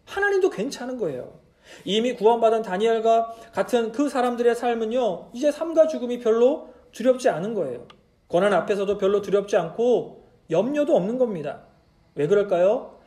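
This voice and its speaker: A man's voice: very high voice, animated, a little fast, darkish tone. A male pastor preaching a midweek church sermon, asking the congregation many rhetorical questions. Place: church service.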